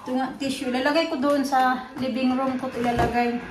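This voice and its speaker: A Filipina mother and vlogger chats on her phone in casual home vlog style, moving through the kitchen and living room of her UK home. Her kinda high voice is flat and a little fast as she switches between English and Tagalog mid-sentence. The room is echoey, with background noise.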